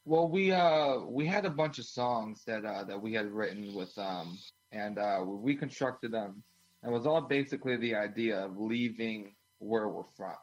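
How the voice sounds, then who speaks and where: Low-voiced laid-back male drummer guest. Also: normal speed, dull audio. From Washington, D.C. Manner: relaxed, filler-heavy, uh between phrases. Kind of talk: casual interview answers.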